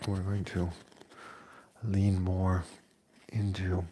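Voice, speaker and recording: A man in his forties, a fitness vlogger talking in a casual, unhurried way from his kitchen, pausing often with fillers. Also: low voice, monotone, dark tone, slight background noise. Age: 40s. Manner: unhurried, reflective, pauses with fillers. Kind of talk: casual chat. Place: home kitchen.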